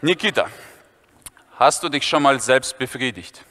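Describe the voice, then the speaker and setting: A man playing a brooding boy in a stand-up story, speaking slowly in a low mumble with halting pauses. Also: lively intonation, bright, forceful tone. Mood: murky, deadpan.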